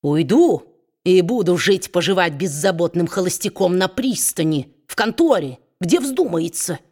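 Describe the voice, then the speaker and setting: Woman doing a sneering gruff dwarf man. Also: lowish voice, expressive, normal speed, a little mellow. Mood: gloating. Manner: sneering, gloating, growling. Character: spiteful mocking male dwarf, gruff and low.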